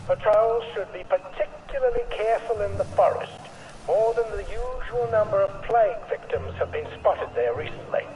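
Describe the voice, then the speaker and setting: An actor playing a formal male announcer in a military camp, heard as a game's air raid loudspeaker announcement with clipped public address delivery. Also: high-pitched, normal speed, a crowd in the background. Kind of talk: game dialogue. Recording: distant loudspeaker over game music.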